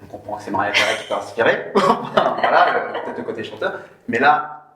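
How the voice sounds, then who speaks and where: A man's voice: lowish voice, expressive, pushed and bright, reverberant. A man hosting a casual interview, asking questions with lots of fillers, restarts and little laughs. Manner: hesitant, many fillers and restarts, quick laughs. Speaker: interview host.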